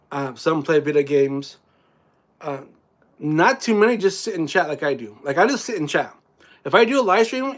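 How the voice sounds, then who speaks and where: A man with a slightly high voice sits and chats on his live stream. He rambles through his thoughts, restarting sentences and filling gaps with fillers as he reads viewers' messages. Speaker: theme park vlogger and live streamer. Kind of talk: casual live stream chat.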